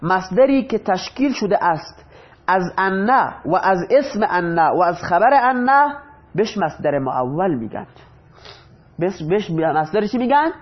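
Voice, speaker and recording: A man teaching a grammar class. He reads example sentences slowly, translates them, and asks the class questions that he answers himself. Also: sits high, big pitch swings. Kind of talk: Arabic grammar lesson explained in Persian. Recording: dull lo-fi recording.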